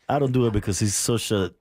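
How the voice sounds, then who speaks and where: A man's voice: lowish voice, moderate pace, darkish tone, no room sound. A man in his forties from Cuba, a guest on a radio show, chatting easily and laughing. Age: 40s. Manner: laid-back, laughs easily. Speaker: guest promoter. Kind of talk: casual radio chat. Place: radio studio.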